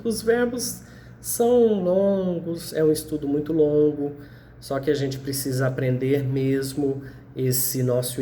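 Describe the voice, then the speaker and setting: A Brazilian man teaching a video lesson to sixth graders, checking in with the class as he explains and stretching out words to spell them slowly. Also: on the high side, mellow, slight background noise. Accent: Brazilian Portuguese.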